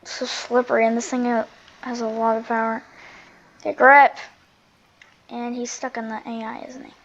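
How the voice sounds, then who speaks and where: A woman giving casual, chatty gameplay commentary, often half to herself, her volume swinging between muttering and loud exclamation. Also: on the high side, completely flat delivery, brisk, a little hiss or hum. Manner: chatty running commentary, often talking to self. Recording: dull lo-fi microphone sound.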